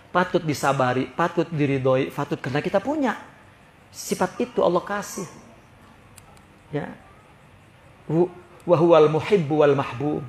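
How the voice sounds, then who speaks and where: A man teaching religion in a relaxed, conversational style and often checking that his listeners follow. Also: on the high side, reverberant, a little hiss or hum. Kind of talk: kitab study lecture. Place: prayer hall.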